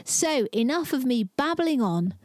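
A woman's voice: high-pitched, very animated, a little slow, darkish tone, no room sound, clean studio sound. Chatty woman podcasting from inside a small trailer. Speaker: podcast host. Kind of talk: upbeat solo podcast monologue.

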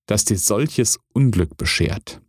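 A man voicing an excited, fretting village crowd with lamenting, exclamatory speech. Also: fairly low pitch, a little slow, husky, no echo, studio quality, exaggerated voice.

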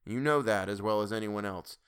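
Brisk, formal man read by a narrator. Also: lowish voice, smooth, natural voice. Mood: businesslike. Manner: brisk, formal, calling out names. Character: brisk middle-aged man running the lottery.

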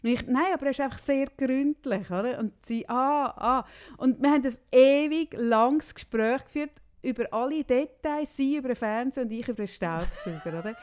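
A woman with a Swiss German accent chats casually and spins everyday anecdotes. She acts out both sides of a conversation as she goes. Her voice sits somewhat high. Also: moderate pace. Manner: lively storyteller, acts out dialogue in anecdotes. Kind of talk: casual chat.

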